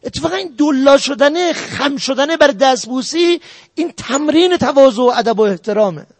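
Brief: male preacher with a very high voice, earnest and exhortative, dry close sound. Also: lively intonation, no echo. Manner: earnest, exhorting the audience directly. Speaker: religious lecturer. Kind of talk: sermon on family ethics.

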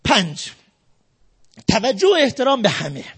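A man giving a sales lecture, emphatic and repetitive, jumping between loud stresses and quiet asides. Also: high-pitched, very animated, husky. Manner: emphatic, repetitive, talks straight to the audience. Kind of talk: motivational lecture.

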